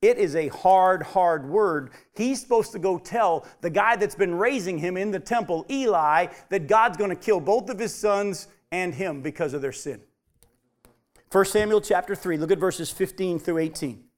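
A man preaching a sermon as pastor, talking plainly with the congregation and asking them questions, swinging from emphatic peaks to quiet low asides. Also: lively intonation, moderate pace. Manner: conversational, asks the congregation questions.

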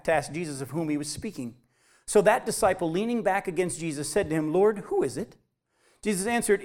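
A man's voice: high-pitched, darkish tone. A man pastor preaching a sermon with animation, acting out quoted voices as he reads scripture.

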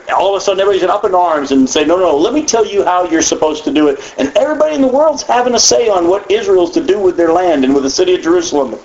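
A man teaches the Bible in a loose, folksy way, full of asides and restarts, and his voice sits a bit high for a man. The sound is dull and lo-fi, with a roomy echo around him and a faint hiss behind. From United States. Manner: animated, folksy, with frequent asides and repetitions. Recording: echoey, dull lo-fi room sound.

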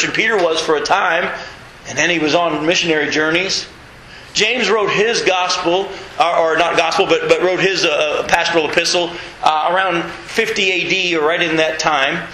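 A middle-aged man preaching a sermon as pastor, animated and reading scripture aloud to his congregation. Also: high voice, reverberant, noisy background. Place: church sanctuary with congregation.

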